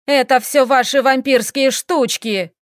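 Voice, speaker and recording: A woman voicing a cold, furious noble dragoness mother, loud, sharp and commanding. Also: high voice, steady tone, unhurried, no room sound, clean studio sound, voice pushed up.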